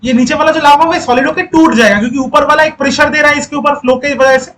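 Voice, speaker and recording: A man's voice: very high voice, steady tone, fast, a bit bright, rough recording. A male teacher giving a lecture who repeats key points, quizzes the class and coaxes students to speak up.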